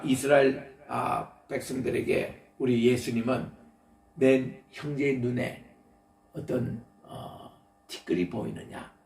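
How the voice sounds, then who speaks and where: Older male pastor, gravelly voice, slightly high pitch, folksy sermon, echoey church heard from a distance. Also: a little mellow. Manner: folksy, anecdotal preaching with chuckles. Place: church sanctuary.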